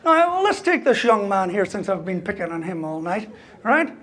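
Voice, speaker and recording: A man's voice: high-pitched, big pitch swings, normal speed, pushed and bright. A man giving a humorous motivational talk as a university lecturer, asking "right?" after most points. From Ireland. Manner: joking, ends lines with "right?".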